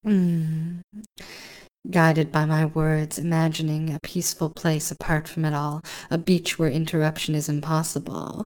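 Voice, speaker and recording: A woman speaking intimate guided hypnosis in a slow, soft, soothing voice with lingering phrases. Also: sits low, level tone. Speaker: hypnosis narrator.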